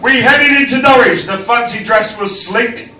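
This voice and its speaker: High, bright-voiced man giving an echoey wedding toast. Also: moderate pace. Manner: jokey, projected to a room. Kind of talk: informal wedding toast speech with comic rhyming verse. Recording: echoey room, picked up from far off.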